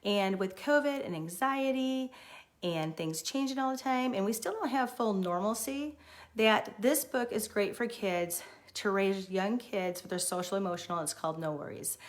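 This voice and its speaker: A middle-aged woman who runs a daycare, chatting casually and excitedly on a livestream. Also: mid-range voice, normal speed. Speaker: daycare owner.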